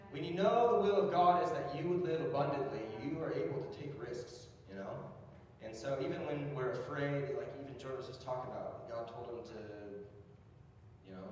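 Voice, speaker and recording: A young man giving a casual, slangy youth sermon, building to loud emphatic peaks. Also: mid-range voice, a little hiss or hum. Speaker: youth speaker. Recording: distant mic in a very echoey hall.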